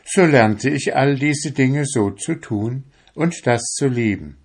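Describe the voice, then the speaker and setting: A man's voice: mid-range voice, slow, breathy edge, pitched above the performer's own voice. A man voicing a heartless male soul that coaxes and commands in a storybook reading. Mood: coaxing. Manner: coaxing, insistent.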